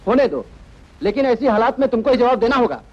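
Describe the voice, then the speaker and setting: A man's voice: very high voice, very animated, quick pace, full character voice. An actor dubbing a stern, dutiful male police inspector who speaks firmly and formally. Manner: firm, formal. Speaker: police officer. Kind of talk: Hindi film dubbing. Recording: dull lo-fi dubbed film audio.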